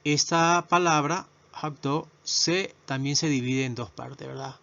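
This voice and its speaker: A man teaching English vocabulary to Spanish speakers, a native Spanish speaker who repeats each word slowly several times in a video lesson. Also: on the high side, creaky, fairly bright tone. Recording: dull lo-fi recording.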